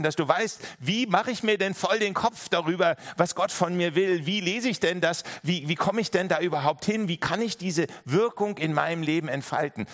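Earnest preacher man, fairly high voice. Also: a bit bright. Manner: earnest, direct address with many repeated phrases. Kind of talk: sermon.

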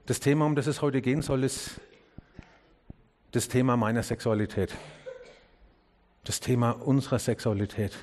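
With a steady tone and frequent pauses, a man preaches at normal speed, talking directly to his congregation and earnestly questioning them. As a pastor, he sinks low and quiet on key words and climbs when pressing his point. Slight background noise can be heard.

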